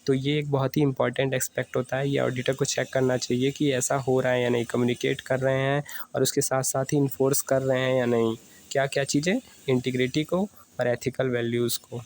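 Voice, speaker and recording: A man tutoring students on an audit syllabus, reading English lines slowly and explaining them in quicker Hindi. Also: mid-range voice, flat delivery, a little mellow, a little hiss or hum, low-quality recording.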